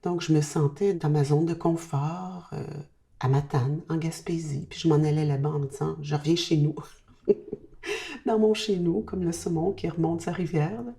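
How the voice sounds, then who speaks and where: Low, mellow woman in her sixties. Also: fairly even intonation, moderate pace, vocal fry. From Quebec. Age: 60s. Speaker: interviewee. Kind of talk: reflective documentary interview.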